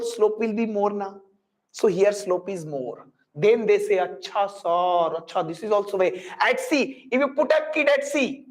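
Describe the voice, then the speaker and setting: Indian guy teaching physics live, high voice, repeats himself, keeps asking the students stuff. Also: rough recording. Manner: repeats phrases, questions students, adds Hindi tags. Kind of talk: live classroom teaching, explaining step by step.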